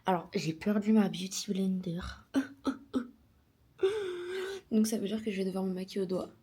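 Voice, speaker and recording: A woman's voice: mid-range voice, big pitch swings, a little slow, dark tone, husky. A woman in her twenties chatting casually in a home vlog, rambling and mixing in English words. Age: 20s. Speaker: vlogger.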